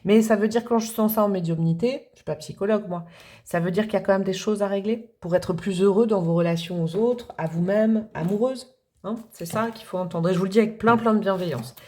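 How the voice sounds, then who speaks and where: A woman's voice: mid-range voice, a little fast, a little mellow. A woman giving a casual tarot reading, talking straight to her viewers and thinking aloud as she goes. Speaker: tarot reader.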